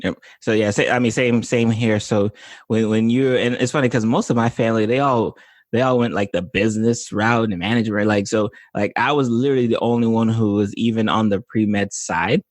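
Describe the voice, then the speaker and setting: Relaxed man hosting a chat, dry sound. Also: fairly low pitch, fairly quick, no echo. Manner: relaxed, rambling, many restarts and fillers. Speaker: podcast host, physician. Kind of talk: casual interview chat.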